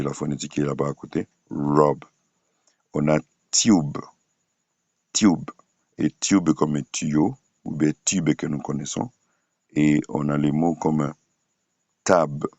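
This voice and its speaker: A man with a very deep, low voice gives a phonics lesson at an unhurried, deliberate pace. He repeats each example word over and over, with frequent hesitation sounds. The sound is dry and close, with no room echo. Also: muffled recording. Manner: slow, repeats each word several times; many hesitation fillers. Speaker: English teacher. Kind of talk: screen-shared phonics lesson.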